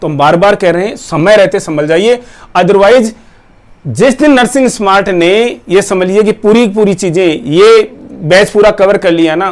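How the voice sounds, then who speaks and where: Male coaching teacher, high-pitched voice, forceful rhetorical lecture to students. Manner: forceful, rhetorical, addresses viewers directly. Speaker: nursing exam coaching teacher. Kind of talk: persuasive talk to students.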